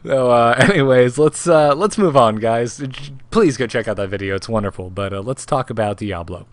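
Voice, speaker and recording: A man hosting a gaming news chat, who jokes around and laughs easily. He reads news and quotes aloud in a relaxed, casual way, his voice sitting in a middle pitch. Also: moderate pace. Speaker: host.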